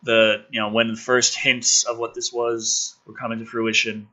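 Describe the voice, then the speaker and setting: The host of a gaming and film commentary channel reads scripts dramatically, reacting with sarcastic, sweary exasperation and groaning asides. His voice is medium in pitch and moderately paced, and the audio sounds dull.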